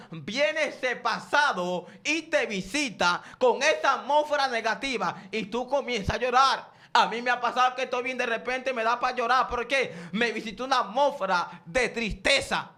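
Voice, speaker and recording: A man's voice: very high voice, moderate pace, bright, forceful tone. A man preaching a sermon, asking his listeners questions and then answering them himself, and calling on the congregation to respond.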